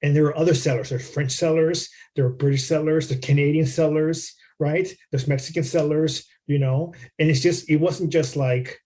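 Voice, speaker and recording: A man's voice: on the high side, steady tone, normal speed, hardly any pauses, dark tone. A man co-hosting a podcast in casual conversation, rambling through history, swearing freely and checking in with "right?" and "you know". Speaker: podcast co-host.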